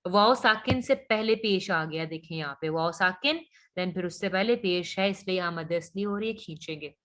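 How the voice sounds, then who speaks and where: A woman teaching Quran recitation rules. She speaks patiently, asks and answers her own questions, and draws out the recited words slowly. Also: lowish voice, fairly bright tone. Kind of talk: online tajweed lesson.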